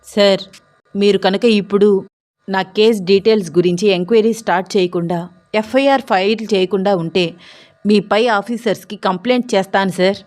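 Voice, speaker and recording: A woman's voice: medium pitch, normal speed, a little mellow, natural voice. A woman voicing a bold young male police officer who speaks firmly and seriously. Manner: firm, serious, fearless.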